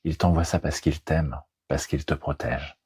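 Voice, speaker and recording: Deep-voiced man guiding hypnosis, husky and dry. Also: steady tone, darkish tone, dry recording. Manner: soothing, slow, deliberate guiding delivery. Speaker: hypnosis trainer and guide. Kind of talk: guided hypnosis session.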